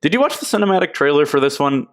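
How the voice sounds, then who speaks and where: A man's voice: fairly high pitch, sing-song, very fast, a bit bright. A man co-hosting a casual gaming podcast, talking loosely and laughing often. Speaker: podcast co-host.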